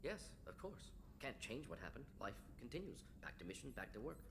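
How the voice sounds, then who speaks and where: A man's voice: mid-range voice, big pitch swings, brisk. A man playing a clinical, restless alien scientist in a video game, speaking in clipped telegraphic phrases. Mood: brisk, matter-of-fact. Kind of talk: video game character acting. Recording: game ambience noise behind voice.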